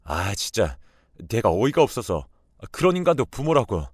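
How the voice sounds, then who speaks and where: A man voicing a normally gentle husband in a furious outburst, in a radio drama. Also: on the low side, sing-song, moderate pace, husky, dry recording, clean studio sound. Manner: angry outbursts.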